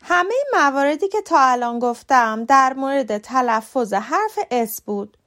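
A woman hosting a podcast lesson, explaining English pronunciation in a clear, scripted way and slowing down to model example words. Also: sits high, expressive, a bit bright, a little hiss or hum. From Iran.

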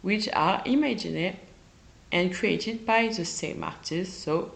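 Podcast host, woman, French accent, unhurried and hesitant delivery with some vocal fry. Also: fairly low pitch, rough recording. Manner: halting, searches for English words, self-correcting. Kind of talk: casual solo podcast talk.

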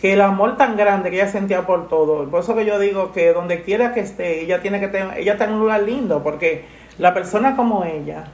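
A middle-aged woman, talking softly and haltingly about her late mother, full of grief. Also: mid-range voice, echoey room. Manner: grieving, soft and halting, with many restarts. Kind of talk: emotional personal conversation.

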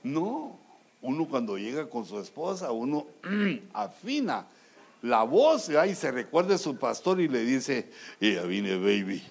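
Gravelly, animated preacher man. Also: fairly high pitch, unhurried. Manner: jokey and animated, acting out little scenes; addresses the congregation as brothers. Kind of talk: humorous sermon.

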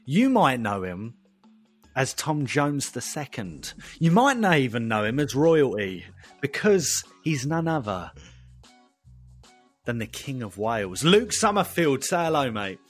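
A man's voice: medium pitch, sing-song, unhurried, faint music behind. A man with an Essex accent hosting a casual podcast with blokey, enthusiastic banter. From Essex, England. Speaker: podcast host.

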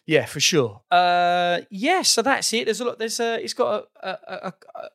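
A man in his forties with an Essex accent, chatting casually about film in an informal, fairly monotone way. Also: high-pitched, moderate pace, no room sound, clean studio sound. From Essex, England. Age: 40s. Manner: self-described monotone, informal.

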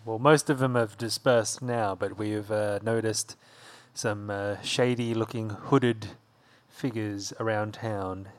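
A man's voice: on the low side, fairly even intonation, slow, hardly any pauses. A man playing a tabletop game, speaking formally in character with frequent hesitations. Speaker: player. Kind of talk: casual tabletop game play.

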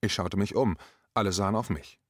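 A man with a fairly low voice reads a scripted commentary in an emphatic, polemical manner. He moves between pointed argument and ironic storytelling. The sound is dry and close, with almost no room around it. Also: fairly quick, dry recording. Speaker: commentator reading his own text.

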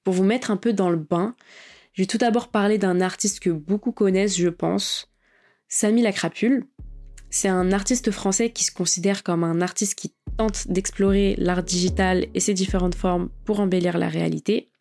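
A woman's voice: medium pitch, fairly even intonation, moderate pace, darkish tone. A woman hosting a podcast, talking casually and with slang about digital art. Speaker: podcast host.

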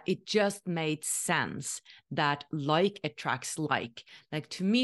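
A low-voiced woman from Norway, a podcast host and interviewer, delivers a casual intro monologue. She's enthusiastic and chatty, laughing and saying "like" a lot.

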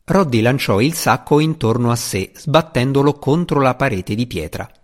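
A man reads a fantasy novel aloud as its narrator, his voice set at a middling pitch. He tells the story dramatically, his pitch rising and falling in lively swoops. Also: normal speed. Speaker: audiobook narrator. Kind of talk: scripted audiobook narration.

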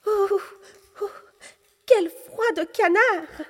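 A woman's voice: very slow, no echo, clean studio sound, full character voice. A woman doing a brave, earnest little girl. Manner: bright, high and earnest. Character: brave little girl searching for her friend.

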